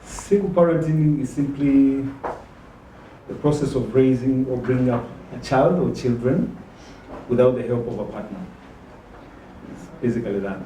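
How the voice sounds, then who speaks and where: A man, a doctor, calmly explaining things as a guest expert on a talk show. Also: medium pitch, moderate pace, pauses often. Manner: explanatory, calm. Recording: distant, echoey with faint hum.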